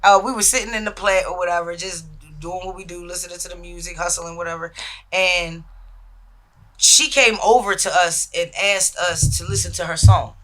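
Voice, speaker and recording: A man's voice: high-pitched, fairly even intonation, normal speed, pushed and bright, rough recording. An American man in casual, slangy conversation, telling stories on a podcast. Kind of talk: casual storytelling chat.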